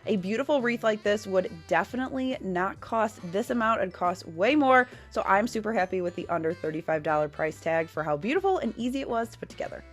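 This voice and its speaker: A woman's voice: medium pitch, animated, brisk, hardly any pauses, faint music behind. A woman in a casual tutorial vlog, chatty and upbeat, explaining how she makes her holiday decor step by step. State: nasal from a cold. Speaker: DIY home decor creator. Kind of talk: casual DIY tutorial narration.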